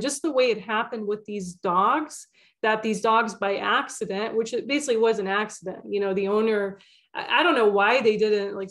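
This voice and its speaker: A young woman hosting a spiritual channel, talking alone in a loose, rambling way with lots of fillers and restarts. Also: mid-range voice. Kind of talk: casual monologue.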